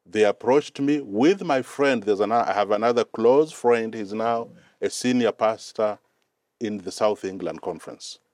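A Kenyan man with a Kenyan accent speaks at a measured pace in a lowish voice with a darkish tone, and there's no echo. He's a mission director appearing as a guest in a conversational interview, earnest and often repeating words as he finds them.

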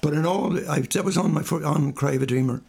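Gravelly older man with a west of Ireland accent. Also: fairly high pitch, fast talker, a little mellow. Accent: Galway, west of Ireland. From Galway, west of Ireland. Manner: rambling anecdotes with reported dialogue. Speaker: singer and musician being interviewed. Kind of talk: conversational storytelling in an interview.

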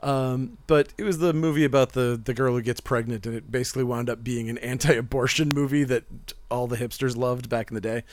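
Fast-ish and steady, a medium-pitched male voice belongs to a podcast co-host who works at a comic shop. His casual talk is eager and meandering, centered on comics and toys, with plenty of laughs.

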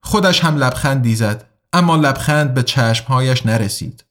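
A man narrating an audiobook in a measured, even reading voice. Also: mid-range voice.

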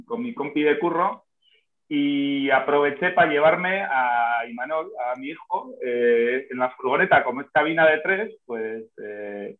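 A man chatting casually on a podcast, talking hesitantly with many restarts and fillers. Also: fairly high pitch. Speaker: podcast co-host. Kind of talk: casual chat. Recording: echoey room over a tinny phone-like line.

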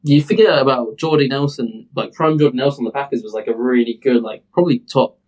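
A man's voice: medium pitch, fairly quick, a little mellow, low-quality recording. A British man co-hosting a casual sports podcast, rambling and hesitant with many fillers. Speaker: podcast co-host.

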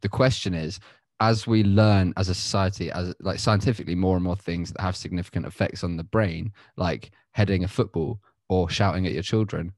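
A man's voice: low-pitched, steady tone, a little fast, darkish tone, dry recording. A man co-hosting a casual group podcast, explaining a point at length with many fillers. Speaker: podcast co-host.

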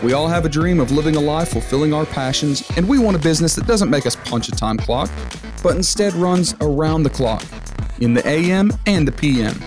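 A man's voice: a little high, animated, fairly quick, over music. A man hosting a podcast, delivering scripted intros in an upbeat, peppy show-host manner.

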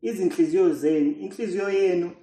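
A man's voice: high voice, fairly quick, mellow, a little hiss or hum. A man with a Zulu accent reading scripture aloud in short phrases. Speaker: scripture reader. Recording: echoey room.

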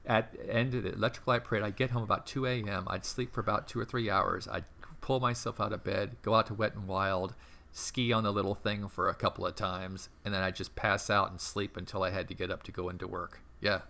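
A middle-aged man with a very low, gravelly voice that still has a bright, forward edge. He tells long stories in a casual interview, rambling and animated, full of restarts and fillers. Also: brisk, slight background noise. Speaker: interview guest, former theme park entertainment manager.

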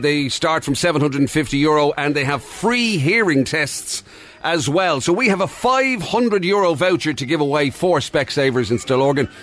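A man's voice: fairly high pitch, a bit bright. A man with an Irish accent co-hosting breakfast radio in a casual, chatty style on a studio microphone. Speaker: radio co-host.

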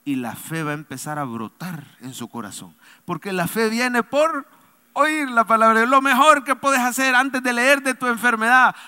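High, bright-voiced preaching pastor, man. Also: smooth. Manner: preaching with call-and-response to the congregation; swings between loud emphatic lines and soft low asides. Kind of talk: sermon. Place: church sanctuary. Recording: long reverb of a large hall.

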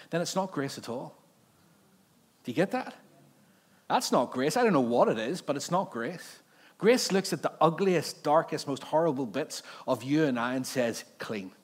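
A man's voice: mid-range voice, husky. Belfast man preaching in a conversational style. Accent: Northern Irish, Belfast. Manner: conversational, rhetorical questions, frequent "right?" check-ins. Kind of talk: informal sermon to a congregation.

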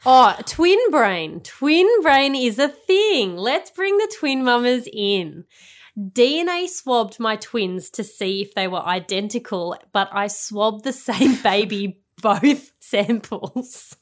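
A woman's voice: fairly high pitch, expressive, slow pace. A woman, co-hosting a casual chat, rambling through stories and laughing often. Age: 30s. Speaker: podcast co-host.

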